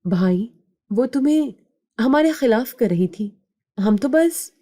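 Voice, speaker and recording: A woman voicing a spiteful young sister-in-law who shouts accusations in a shrill voice. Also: expressive. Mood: stammering.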